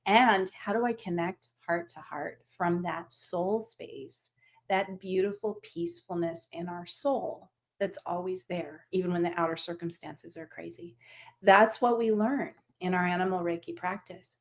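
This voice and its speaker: A woman teaching animal Reiki to students over a video call, talking gently and rambling with fillers and restarts. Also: fairly low pitch, a little slow.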